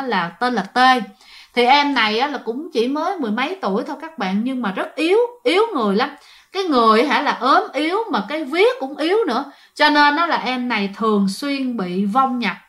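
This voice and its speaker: A high-voiced woman narrates ghost stories sent in by listeners. She talks in a chatty, conversational way and often turns to address her audience directly. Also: fairly bright tone. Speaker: storyteller.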